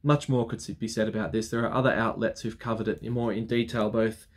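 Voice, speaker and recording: On his weekly vlog, an Anglican clergyman in his thirties sits at his desk in a bookshelf-lined study, framed by a webcam, and leads viewers in a solemn spoken prayer. His voice is on the low side with little pitch movement, and his delivery is earnest, with a measured prayer cadence.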